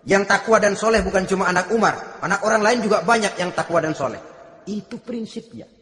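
A middle-aged preacher telling a story in a lively sermon, acting out voices. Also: male voice, high-pitched, a little fast. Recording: echoey hall.

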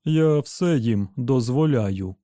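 A self-satisfied robot servant with a prissy, sanctimonious manner speaks slowly, as a man puts him on. The voice is dark and mellow, recorded close and dry like a storybook audiobook. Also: medium pitch, animated, dry recording. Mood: smug. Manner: self-satisfied, prim, falsely caring. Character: smug pious male robot servant.

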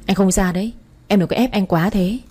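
A woman's voice: medium pitch, a little fast, dark tone, slightly rough, natural voice. A woman reading a meek, cowardly husband. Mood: evasive.

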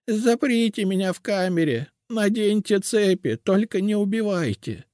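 A cursed old hag, as a male narrator puts her on, squeals high and hoarse, begging in drawn-out, breathless pleas. Her voice swings wildly, and the reading is close and dry, in an audiobook. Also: lively intonation, a little mellow, no room sound. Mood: pleading. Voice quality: hoarse, shrill. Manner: pleading, desperate, drawn-out. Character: ancient female life-draining creature, old, terrified.

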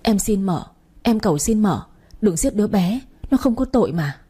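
A woman's voice: mid-range voice, animated, normal speed, mellow, husky. Woman voicing a terrified begging young maid. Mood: pleading. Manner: pleading, sobbing.

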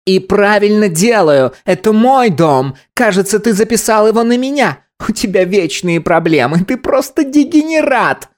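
A man's voice: sits high, lively intonation, moderate pace, hardly any pauses, voice pushed up. A man voicing a furious grown daughter in an audiobook, screaming bitter accusations. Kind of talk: audiobook character voice.

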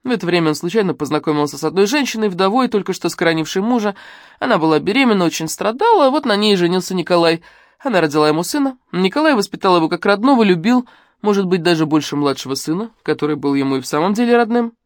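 A woman's voice: lowish voice, lively intonation, fast talker, no room sound, studio quality, close to an everyday voice. A woman reading an audiobook and voicing a cold, mocking middle-aged widow who speaks curtly. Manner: cool, curt, mocking. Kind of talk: audiobook dialogue.

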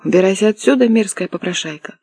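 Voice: medium pitch, quick pace, natural voice. A reader barking as a rude gatekeeper. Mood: hostile. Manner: gruff shouting. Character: rude male embassy gatekeeper. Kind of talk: audiobook character voice.

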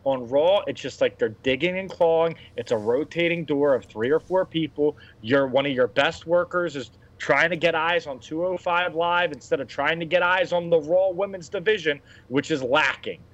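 A man's voice: on the high side, normal speed, few pauses. A man in his thirties co-hosting a casual wrestling podcast, blunt and opinionated, rambling through his points. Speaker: podcast co-host. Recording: dull lo-fi audio.

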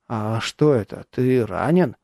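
A man voicing a burly, blunt medieval male warrior in an audiobook, speaking slowly and heavily. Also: mid-range voice, expressive, creaky, a little mellow, no echo, studio quality. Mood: somber.

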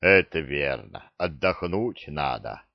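A man voicing a gruff, blunt companion who speaks low and matter-of-fact. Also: lively intonation, slow pace, no echo, dull audio, full character voice.

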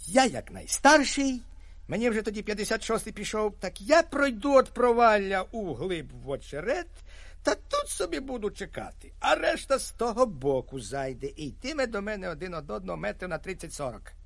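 A man voicing a garrulous 56-year-old hunter who tells a tale with lively exclamations. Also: high voice, moderate pace, gravelly, no echo, heavily acted. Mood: rueful. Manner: lively storytelling, animated exclamations.

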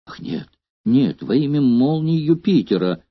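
A man's voice: mid-range voice, big pitch swings, moderate pace, creaky, slightly rough, dry recording, full character voice. A man voicing a young female courtesan who pleads and feigns tenderness, in an audiobook reading. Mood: mock horror. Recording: dull lo-fi dry recording.

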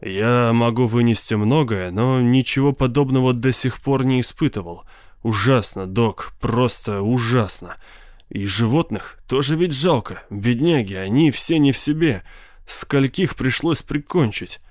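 A man's voice: medium pitch, a little mellow, no room sound, close to an everyday voice. A man doing a grim, shaken reporter. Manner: grim, measured. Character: shaken male newspaper reporter, grim and weary.

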